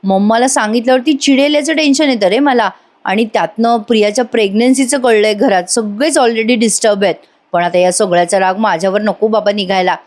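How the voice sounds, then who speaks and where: A woman's voice: medium pitch, fairly quick, a little mellow, lightly acted. A woman reading the lines of an earnest young mother from a serial, chatty and sincere. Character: young mother, relieved and worried.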